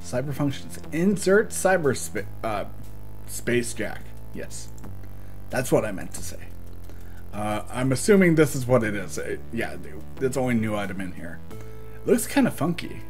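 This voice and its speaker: A man's voice: medium pitch, big pitch swings, normal speed, soft background music. Chatty man commentating a game. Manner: chatty, talks to himself, laughs often. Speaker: let's play gamer. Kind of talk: casual gameplay commentary.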